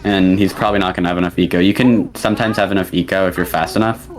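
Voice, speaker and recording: A man's voice: deep voice, fairly even intonation, racing. A young man giving casual commentary on a video game speedrun race.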